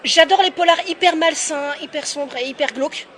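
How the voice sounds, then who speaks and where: At a moderate pace and with a high-pitched voice, a young adult woman author answers an interviewer's questions. She stays casual, lively and candid, hesitating a lot as she talks.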